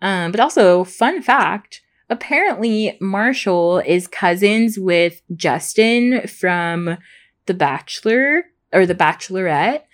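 A woman podcast host giving a casual, rambling, chatty recap in informal speech, with soft R's that come out close to W. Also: medium pitch, expressive, slow pace. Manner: rambling, gushing informal talk with frequent "like" and "super".

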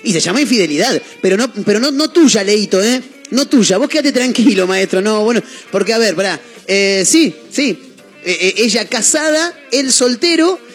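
High-voiced Rioplatense radio host. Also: male voice. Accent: Rioplatense Spanish. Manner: easygoing, chatty, addresses listeners. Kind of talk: casual radio chat.

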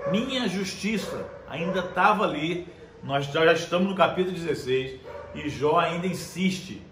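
A male preacher delivering a conversational sermon, reading scripture aloud slowly and checking in with his listeners. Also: fairly high pitch, lively intonation, background noise. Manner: conversational, constant tag questions. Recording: echoey room with faint ambience.

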